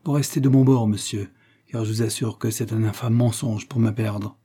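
A man's voice: fairly low pitch, fairly even intonation, moderate pace, mellow, husky. A man reading aloud and voicing an earnest, defiant young male ranch hand in an audiobook, with an urgent, pleading manner.

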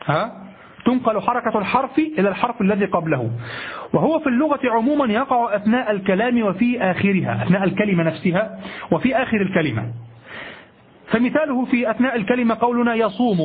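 A man's voice: sits high, breathy edge. A man giving a grammar lecture, repeating his phrases, asking rhetorical questions and checking his listeners with "ha?". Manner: self-correcting, asks rhetorical questions. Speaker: grammar teacher. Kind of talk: classroom lecture on Arabic grammar. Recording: tinny lo-fi phone-like recording.

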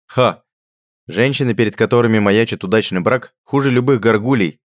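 A man voicing a mocking, jokey young male friend who talks loud, teasing and lively. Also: fairly low pitch, normal speed, no echo, studio quality, pitched above the performer's own voice, lightly acted.

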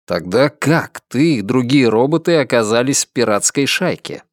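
A man's voice: mid-range voice, animated, normal speed, no room sound, close to an everyday voice. A man voicing a blunt, skeptical male space pilot in an audiobook, close to his own voice.

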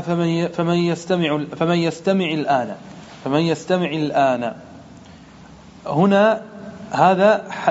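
A man's voice: on the high side, muffled recording, a little hiss or hum. A man, a sheikh, teaching a grammar lesson in a methodical way, asking and answering his own questions.

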